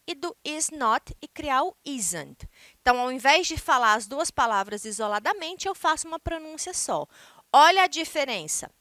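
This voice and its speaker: A Brazilian woman teaching an English grammar lesson, explaining step by step and reading English examples slowly and clearly. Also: high voice, bright, forceful tone, dry recording. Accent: Brazilian Portuguese. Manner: explains step by step, ending points with "tá?".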